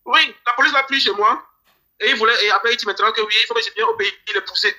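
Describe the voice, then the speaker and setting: A man's voice: very high-pitched, very fast, bright, forceful tone. A man from Cameroon giving a grieving, pleading interview, often repeating his words. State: grieving, near tears. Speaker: interview guest. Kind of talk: emotional interview testimony.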